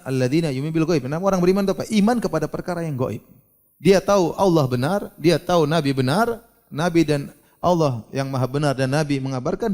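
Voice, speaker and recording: A man giving a religious lecture, animated and questioning, who asks his audience questions and acts out scenes. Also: high-pitched. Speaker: preacher.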